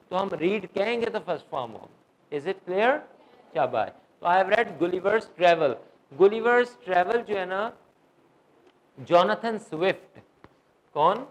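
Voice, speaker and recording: A man's voice: high-pitched, rough recording. A middle-aged man teaching an English grammar class. He quizzes his students and mixes English terms into his Urdu.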